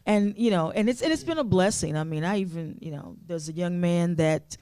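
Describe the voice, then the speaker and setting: A woman's voice: lowish voice, brisk, mellow, dry recording, studio quality. A woman author being interviewed on a talk show, speaking earnestly and often of faith and blessing. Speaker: author and guest.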